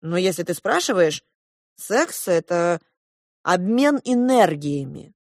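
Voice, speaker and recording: A woman's voice: fairly low pitch, big pitch swings, no echo, studio quality, full character voice. A woman reading an audiobook, voicing an earnest eleven-year-old girl who asks questions insistently. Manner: insistent, presses questions slowly.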